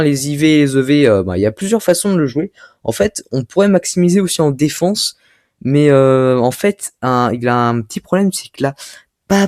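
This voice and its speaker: A man's voice: mid-range voice, darkish tone, no echo, studio quality. A young man talking through a game strategy tutorial, hesitant, with many filler sounds and restarts. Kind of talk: casual gameplay tutorial commentary.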